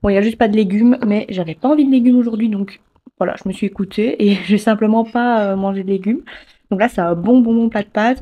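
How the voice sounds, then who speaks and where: A young woman talks through her meals in a relaxed, chatty voice-over. Her voice sits at a middle pitch and sounds soft and mellow. She pads her sentences with easy little fillers as she goes. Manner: chatty, relaxed, full of fillers like "euh" and "voilà". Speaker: food vlogger.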